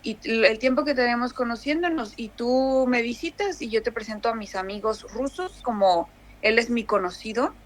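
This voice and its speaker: Brief: young woman, Mexican accent, relaxed chatty guest, restarts often. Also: a little high, moderate pace, hardly any pauses. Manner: chatty, many fillers and restarts. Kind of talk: casual conversation.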